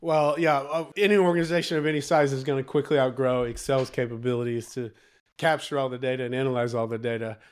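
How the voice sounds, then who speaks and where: A man speaks in a soft Southern Alabama accent with a drawl, at a middling pitch. He is getting over a slight cold. His delivery is that of a coach explaining in an interview, emphatic and encouraging, with key phrases repeated. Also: steady tone, quick pace, clear, resonant tone. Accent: Southern Alabama, United States. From Alabama, United States. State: recovering from a cold. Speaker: data coach and interview guest.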